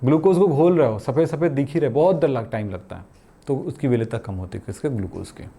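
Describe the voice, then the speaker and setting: Fast and expressive, with a medium-pitched, dark voice, a middle-aged man teaches chemistry like a friendly chat. He questions himself and supplies the answers, uses everyday comparisons, makes jokes, and casually calls his students "beta."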